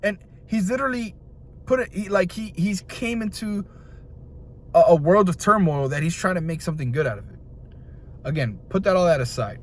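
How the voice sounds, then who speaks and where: A young man hosting an opinion video, venting in a frustrated, animated way and jumping from point to point. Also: sits high, moderate pace. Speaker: video host.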